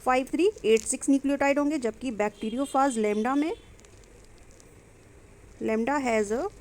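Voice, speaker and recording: A woman's voice: sits high, a little slow, darkish tone. A young adult woman giving an exam-prep biology lecture, explaining step by step, asking and answering her own questions, and mixing in English terms and sentences. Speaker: biology teacher.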